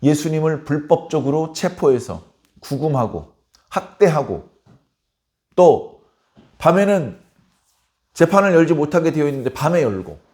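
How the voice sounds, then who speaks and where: A man's voice: a little high, big pitch swings, a little slow, pauses often, darkish tone. A middle-aged man, a pastor, preaching a sermon in an emphatic voice and asking rhetorical questions.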